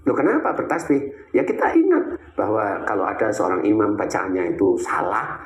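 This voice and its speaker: A male preacher whose pitch leaps about as he talks. He teases his listeners and throws rhetorical questions back at them. The sound bounces around an echoey room. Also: normal speed, a little hiss or hum. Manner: animated, teasing, rhetorical questions. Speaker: Islamic preacher. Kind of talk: religious talk with questions.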